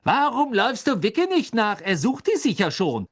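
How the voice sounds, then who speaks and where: An audiobook reader voicing an angry, jealous teenage boy wizard in a high, accusing voice. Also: very animated, fairly quick, slightly rough. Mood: jealous anger. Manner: raised, accusing, sneering.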